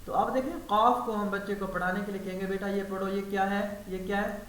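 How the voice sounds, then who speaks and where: A man's voice: sits high, little pitch movement, a bit bright. Man teaching step by step in an echoey room. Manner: explains step by step, quizzing the trainee. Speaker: teacher trainer. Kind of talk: online teacher training lesson. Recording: echoey room, faint hiss.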